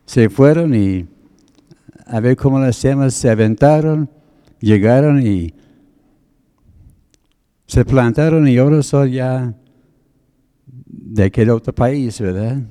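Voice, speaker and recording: A man preaching, taking his time as he explains words one by one. His voice is very dark and mellow, sitting at an ordinary pitch for a man. He speaks slowly and deliberately. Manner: slow, deliberate, explains word meanings. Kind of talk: sermon teaching.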